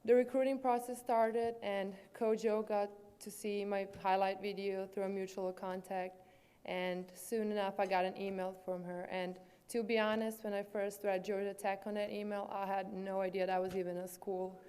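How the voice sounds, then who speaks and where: A woman's voice: mid-range voice, little pitch movement, normal speed, warm tone, clear, resonant tone. Young Serbian-accented woman giving a speech. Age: 20s. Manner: earnest, with fillers and hesitations. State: swollen lip. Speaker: student athlete. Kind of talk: prepared banquet speech.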